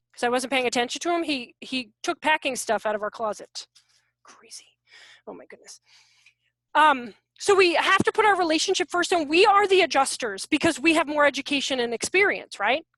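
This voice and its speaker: Casual woman workshop presenter on a video call, high and expressive, animated with quick asides. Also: dry recording. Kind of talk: casual teaching talk. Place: room at home.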